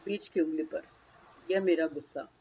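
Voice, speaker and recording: A woman's voice: sits low, normal speed, mellow, husky, highs cut off. A woman leading a guided tapping session, naming each body point and then speaking a short first-person phrase for the listener to repeat.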